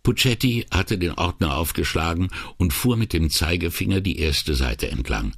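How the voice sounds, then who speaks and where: A man narrating an audiobook in an expressive, lively reading. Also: deep voice, moderate pace, creaky, slightly rough, no echo, studio quality. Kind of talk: scripted narration.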